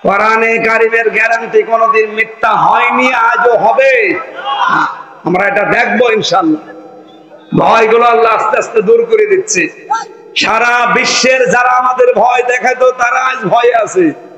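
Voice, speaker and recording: A man from Bangladesh preaching an outdoor Islamic sermon, shouting as he explains Quranic verses over a loudspeaker microphone. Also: very high-pitched, moderate pace, highs cut off, a crowd in the background. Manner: fiery, shouting Quranic exposition. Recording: echoey, reverberant PA sound.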